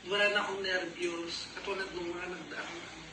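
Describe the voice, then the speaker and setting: Man, casual chat, hesitant and repetitive, echoey room with loud noise behind. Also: high-pitched, flat delivery, fairly quick, distant mic. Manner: hesitant, repeats words. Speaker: interviewee, partner.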